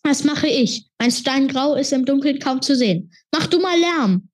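A woman doing a high, urgent gargoyle. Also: animated, moderate pace. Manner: urgent, commanding. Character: clever cautious male stone gargoyle.

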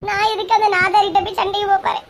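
A woman's voice: very high voice, level tone, racing, creaky, a little hiss or hum. A woman with a Kanyakumari Tamil accent playing an anxious, tearful young woman in a comedy skit. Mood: upset. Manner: tearful, fretting.

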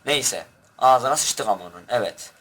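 A man's voice: medium pitch, lively intonation, normal speed, background noise. A young man giving rowdy, crude commentary over his own gameplay and barking orders at his troops. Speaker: gaming youtuber.

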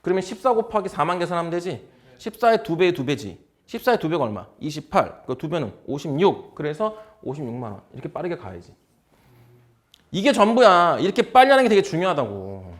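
Lively casual male exam lecturer. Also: a little high, brisk. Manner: drilling with constant check questions; blunt informal speech.

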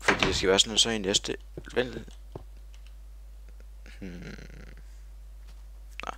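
A man's voice: fairly low pitch, fairly even intonation, bright, forceful tone, slight background noise. A man giving rambling, silly video game commentary, full of fillers and talking to himself. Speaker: gamer.

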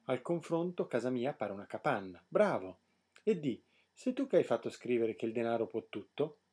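A man's voice: medium pitch, big pitch swings, moderate pace, a little mellow, husky. A man doing a stern, mocking king. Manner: commanding, ironic, threatening.

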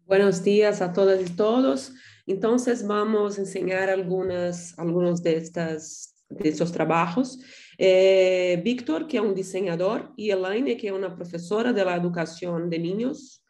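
Female academic presenter, Brazilian Portuguese accent, average pitch, hesitant Portuguese-tinged Spanish. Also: a little slow, mellow. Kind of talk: slide presentation. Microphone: video call.

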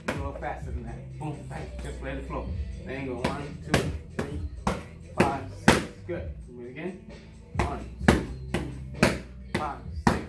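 A man's voice: mid-range voice, fairly even intonation, unhurried. A man in his thirties coaching boxing, calling short, repetitive, encouraging drill commands while taking punches on pads. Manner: clipped, repetitive, encouraging commands amid physical exertion. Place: large indoor boxing gym. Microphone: far camera. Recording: roomy gym, distant mic, loud music behind. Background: loud music, thuds of punches on mitts.

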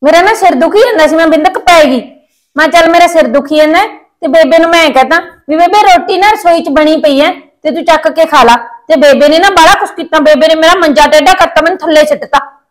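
A woman playing a young rural wife who argues defensively in a high, quick voice. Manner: defensive, protesting her innocence. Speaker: daughter-in-law. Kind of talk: short-film village drama acting.

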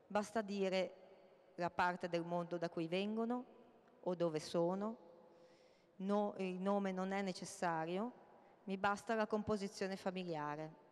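Brief: middle-aged woman artist, hesitant public talk, smooth clear voice, reverberant hall. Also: medium pitch, steady tone, darkish tone. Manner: halting, with many hesitations. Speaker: artist presenting her projects. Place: large hall, indoors. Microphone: handheld mic. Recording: long reverb of a large hall.

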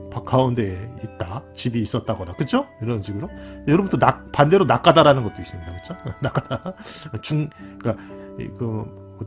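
A man gives a relaxed explanatory lesson, repeating his key words and often pausing to ask "right?". His pitch rises and falls in a lively, animated way. Soft guitar music plays faintly behind him. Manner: repeats key words, constant tag questions. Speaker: lecturer on a channel.

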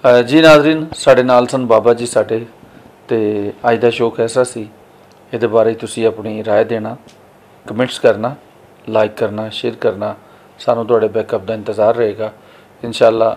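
A man's voice: lowish voice, fairly even intonation, normal speed, darkish tone. Man with a Punjabi accent signing off. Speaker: interviewer. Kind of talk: closing sign-off to viewers.

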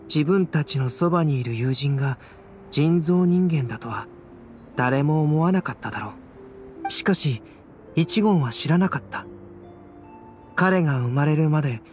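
Over background music, a man voices a calm, cerebral young alchemist in a Japanese anime game. His slightly high voice is soft-spoken, measured, and enigmatic.

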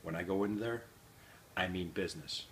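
A middle-aged man delivering a wrestling promo as a pro wrestler, boastful and confrontational, with emphatic pauses. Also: deep voice, a bit bright, low-quality recording. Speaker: professional wrestler. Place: small plain indoor room with a banner. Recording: faint background room noise.

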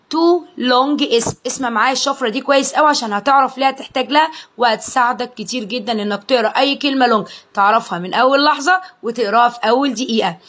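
A young woman with an Egyptian accent teaches phonics to children. Her voice sits a little high. She drills each sound slowly and praises her students cheerfully. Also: a bit bright. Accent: Egyptian Arabic. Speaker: English pronunciation teacher.

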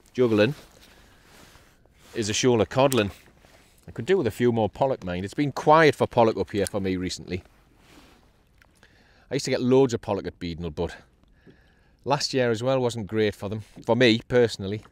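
Out at sea in his kayak, a North East England angler chats casually for his fishing vlog, captured by a kayak-mounted action camera. His mid-range voice moves at a moderate pace with frequent pauses. He stays upbeat throughout and erupts with excitement when he hooks a fish.

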